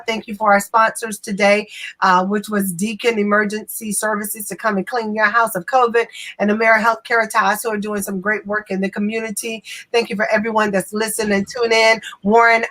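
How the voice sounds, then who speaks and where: A woman's voice: medium pitch, fairly bright tone. A woman in her fifties hosting an online talk show from her home office, chatty and upbeat. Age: 50s. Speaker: show host.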